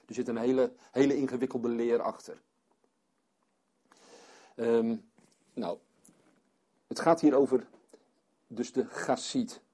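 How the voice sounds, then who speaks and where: A man's voice: mid-range voice, fairly even intonation, slow, long pauses, warm tone, husky. A man leading a Bible study for a small group, reading scripture aloud and then explaining it as he thinks aloud.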